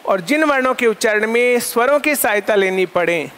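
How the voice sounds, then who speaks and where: A man with a strikingly high voice teaches a Sanskrit class. He fires questions at his students and supplies the answers, running through long repeated lists of terms. He also dictates definitions slowly so that they can be written down. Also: expressive, fairly bright tone. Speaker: Sanskrit school lecturer teaching online.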